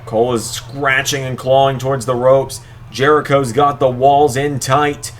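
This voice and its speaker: A man doing play-by-play as a wrestling commentator, excitable, drawing out the calls of the moves. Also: mid-range voice, a little slow. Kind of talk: wrestling commentary of a video game match.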